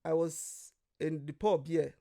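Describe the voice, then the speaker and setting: A man speaks in a fairly high, heavily gravelly voice. He talks as a guest in a casual conversation. He tells stories with energy, acts out the people he quotes, and swears without holding back. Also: takes it slowly. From Nigeria. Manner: animated storyteller who acts out quoted voices and swears freely.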